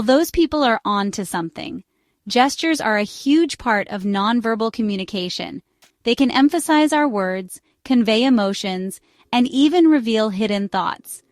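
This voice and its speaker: A woman's voice: a little high, no echo, studio quality. A woman narrating scripted relationship advice, chatty and speaking straight to the listener. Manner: chatty, direct address to the listener.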